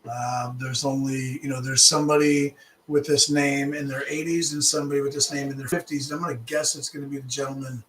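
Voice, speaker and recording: A man's voice: medium pitch, level tone, fairly quick, fairly bright tone, recorded from a distance, a little hiss or hum. A man, a real estate agent chatting casually and making live calls, restarting his phrases and laughing easily. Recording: echoey room, voice off-mic.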